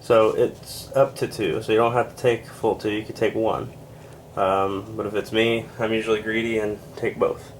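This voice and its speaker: A congested man reviewing a board game, reading card text aloud in a plain, unhurried way with casual asides and fillers. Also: fairly low pitch, little pitch movement, a little hiss or hum. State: congested, short of breath.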